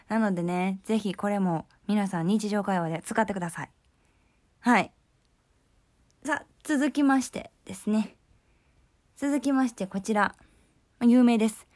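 A woman's voice: medium pitch, dry recording, studio quality. A young woman with a Kansai accent hosting a casual solo talk show in a chatty, friendly way and laughing easily. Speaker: host.

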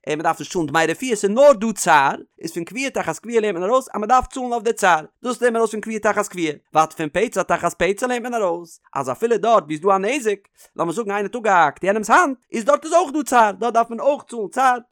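Man, Yiddish accent, Talmud teacher, singsong study chant, high voice, dry sound. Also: animated, a little fast, hardly any pauses, fairly bright tone, no echo.

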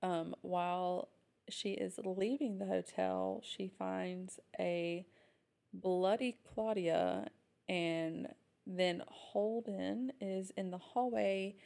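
A woman co-hosting a podcast, recapping episodes in casual chat with steady fillers. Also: medium pitch, slow pace, gravelly. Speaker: podcast co-host.

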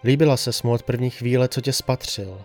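A man's voice: mid-range voice, darkish tone, lightly acted. A man playing a sedated, despairing patient strapped to a hospital bed, speaking in a subdued, weary, grave audio drama monologue with a dry throat. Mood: grimly resolved. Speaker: hospitalized man telling his story. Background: faint background music.

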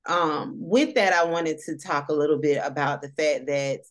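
A woman's voice: deep voice, moderate pace. A woman hosting a social work career podcast, asking questions in an enthusiastic, affirming way. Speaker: podcast host, social worker. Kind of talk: podcast interview.

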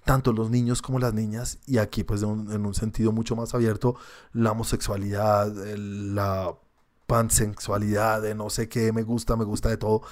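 This Colombian-accented man co-hosts a podcast, chatting casually about shows and films. His voice sits fairly low and moves at a moderate pace, and he's animated, laughing, swearing and rambling as he goes.

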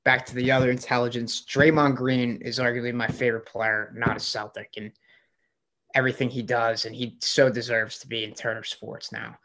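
A man's voice: medium pitch, flat delivery, normal speed, fairly bright tone. A man with a mid-range voice co-hosts a sports podcast. He talks with enthusiasm and rambles, stacking fillers as he builds his points. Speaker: podcast co-host. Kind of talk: casual sports chat.

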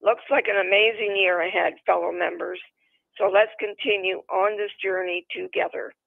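A woman reading a prepared episode recap aloud, slowly and carefully, with small slips. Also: medium pitch, steady tone, creaky, no echo. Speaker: show recapper. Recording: tinny phone line.

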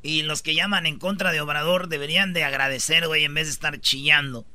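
A man hosting a comedy radio show, teasing his co-hosts and rambling excitedly through a story. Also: on the high side, quick pace, dry recording.

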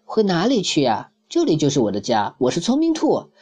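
A man's voice: on the high side, wildly swooping pitch, brisk, a little mellow, husky, voice pushed up, exaggerated voice. A man voicing a simple, cheerful young male wolf in a storybook, with a raised, eager voice.

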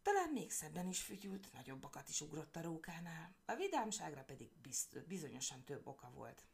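A woman reading a children's story aloud in a playful, expressive way. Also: deep voice, creaky.

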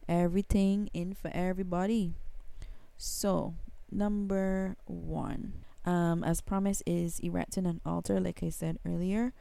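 Barbadian woman with a gravelly, mellow voice. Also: fairly low pitch, flat delivery, measured pace, dry recording. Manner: chatty, addresses viewers as guys, many ums. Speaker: spiritual vlogger. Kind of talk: casual spiritual talk.

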